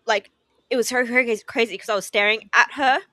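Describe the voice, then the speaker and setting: Recorded dry, this slightly high, sharp-toned voice belongs to a tearful Australian woman speaking briskly with fairly even intonation. She's a podcast guest in a casual interview at a relative's home, full of fillers and laughter that breaks through her emotion.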